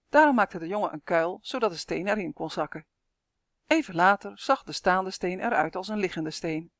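A woman reading her own children's fairy tale aloud, with clear, lively storytelling and voiced characters. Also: on the low side, no echo, clean studio sound.

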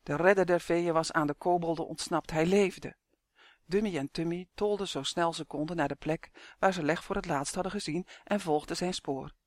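A narrator reading a children's fantasy story in a steady, measured way. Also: mid-range voice, dry recording, clean studio sound. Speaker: audiobook narrator.

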